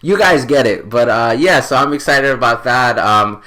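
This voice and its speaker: A man's voice: mid-range voice, normal speed, sharp tone. A man in his late twenties from New York, hosting a podcast in a casual, earnest, rambling way with many fillers. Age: 20s. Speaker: podcast host.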